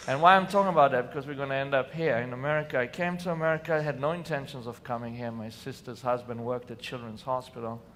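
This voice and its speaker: This Israeli man talks fast, barely pausing, in a medium-pitched, fairly bright voice with fairly even intonation and an Israeli accent. Telling personal stories earnestly to a conference audience, he bursts into sudden emphasis now and then. He stands on a lit stage in a large hall, captured with distant reverb and faint room noise.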